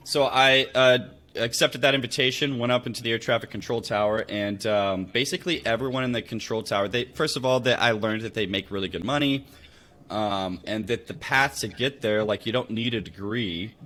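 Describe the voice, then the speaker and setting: With a brisk, pushed and bright medium-pitched voice, this American man tells stories conversationally and casually. He is a real estate investor from Louisville, Kentucky, appearing as a podcast guest.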